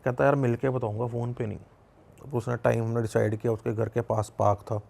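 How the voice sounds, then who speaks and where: A man's voice: medium pitch, flat delivery, a little fast, vocal fry, a little mellow. A young Punjabi man with a Punjabi accent, telling a personal story in a casual, rambling way with many restarts. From Punjab, India. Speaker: podcast guest.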